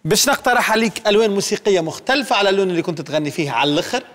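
Fast-talking Tunisian TV host. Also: male voice, sits high, expressive, a bit bright. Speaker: talk show host. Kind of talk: quick TV talk show hosting.

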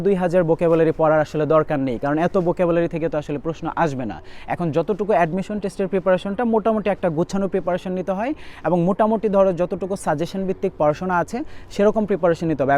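A young man teaching vocabulary for admission tests, repeating word lists quickly as a tutor. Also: fairly high pitch, darkish tone. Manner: rapid, repetitive drilling of word lists. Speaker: English tutor. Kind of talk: admission test vocabulary lesson.

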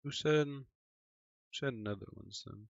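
A man streaming a game live, chatting casually with viewers and reacting excitably to the action. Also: medium pitch, unhurried, vocal fry, no echo, lo-fi sound. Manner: excitable, chatty, talking to chat while playing.

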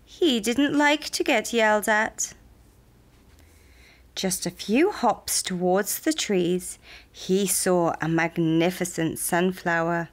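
A woman narrating her own children's puppet story in a soft, gentle, deliberate way. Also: on the low side.

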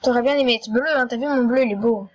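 A woman giving casual, chatty commentary while playing an online game, excitable and prone to stammering and repeating herself. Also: fairly high pitch, fast, muffled recording. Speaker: gaming YouTuber.

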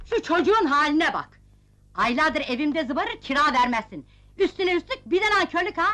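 Shrieky grumpy older landlady, super high bright voice, yelling at her tenants. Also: expressive, normal speed. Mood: scolding. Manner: scolding, berating, shrill. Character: shrill, scolding older landlady, quick-tempered. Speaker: landlady character.

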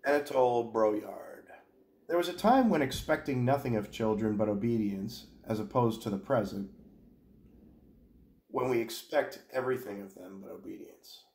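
A man's voice: lowish voice, normal speed, creaky, a little mellow. A man hosting a casual home video, reading quotations aloud one by one and adding wry asides. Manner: reads quotes aloud then adds wry asides. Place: home during quarantine. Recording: roomy echo.

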